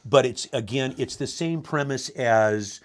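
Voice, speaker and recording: Middle-aged male voice actor, animated storyteller, acts out quotes, laughs easily. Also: medium pitch, a little slow. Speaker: voice actor guest. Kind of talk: relaxed interview storytelling.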